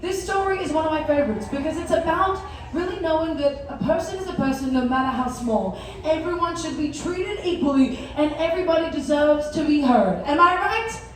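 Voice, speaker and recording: Female children's stage host, cruise director type. Very high voice, animated and interactive, picked up in a big reverberant hall. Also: brisk. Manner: animated, addresses children in the audience with questions and prompts. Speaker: cruise director hosting a story time. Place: indoor theatre on a cruise ship. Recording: very echoey theatre, distant mic, faint noise.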